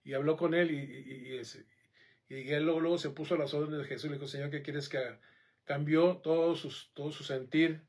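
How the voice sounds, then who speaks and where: A man preaching a sermon, animated and conversational, often checking in with the congregation. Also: a little high, fairly quick, husky.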